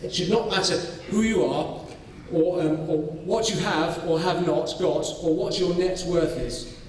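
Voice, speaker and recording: Man presenting at a conference, fairly high voice, hesitant with fillers, heard from far off in a big echoing room. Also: fairly even intonation, slight background noise. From North Wales. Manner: measured, with frequent ums and restarts. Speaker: farming scholar presenting his study. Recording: echoey hall, voice from far off.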